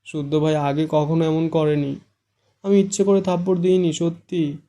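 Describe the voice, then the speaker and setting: A man's voice: fairly high pitch, fairly even intonation, fast talker, warm tone, natural voice. Fara, a man voicing a stubborn young woman student. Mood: tearful. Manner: pleading, raised voice. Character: tearful young female university student, stubborn.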